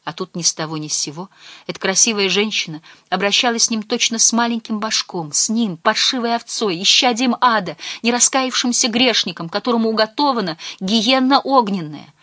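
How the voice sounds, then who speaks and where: A woman narrating a story in an audiobook, with measured, expressive storytelling. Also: on the high side, dry recording.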